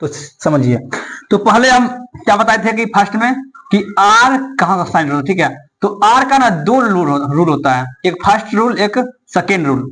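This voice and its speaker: A man's voice: high voice, expressive, moderate pace, a bit bright. A man teaching English in a classroom style, repeating points and answering his own questions.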